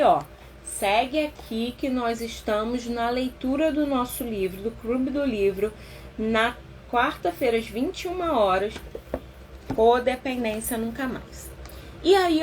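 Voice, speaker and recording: A Brazilian woman therapist leading a casual live book-club talk, chatty and expressive, slowing down to stress her points. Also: high-pitched, slight background noise. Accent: Brazilian Portuguese.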